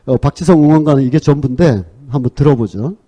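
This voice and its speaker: A man giving a conversational public lecture, telling stories with frequent fillers and pauses. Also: mid-range voice, warm tone. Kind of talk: public lecture on sports and culture.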